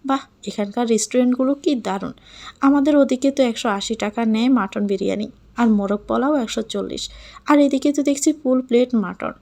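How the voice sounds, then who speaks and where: A woman's voice: fairly high pitch, vocal fry, dark tone. Woman narrating a story in Bengali.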